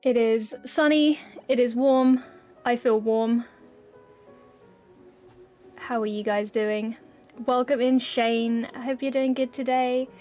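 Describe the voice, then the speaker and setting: Woman streamer, high bright voice, unhurried delivery, bubbly and giggly, casual live-chat banter. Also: soft background music. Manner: bubbly and excitable, laughs often, swears freely.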